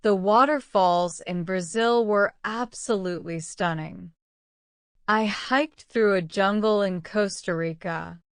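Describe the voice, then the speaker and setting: A woman reading scripted English-learning example sentences very slowly and deliberately, in a clear, smooth voice. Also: mid-range voice, dry recording, studio quality. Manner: very slow, deliberate talking. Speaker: English lesson narrator.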